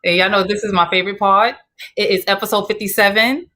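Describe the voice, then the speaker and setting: A woman's voice: mid-range voice, fairly even intonation, fast talker, bright, forceful tone. A woman co-hosting a live chat show, hyped and playful as she opens and talks through the topic. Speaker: podcast co-host opening the show.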